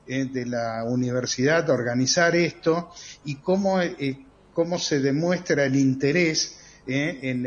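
Slow-paced Argentine man interviewing, slightly dull sound. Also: medium pitch. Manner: hesitant, many pauses and fillers. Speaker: radio interviewer. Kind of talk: conversational interview.

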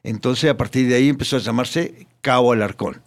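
A man's voice: medium pitch, a little fast. A man telling local history in a radio interview, hesitant, with many fillers and restarts. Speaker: guest.

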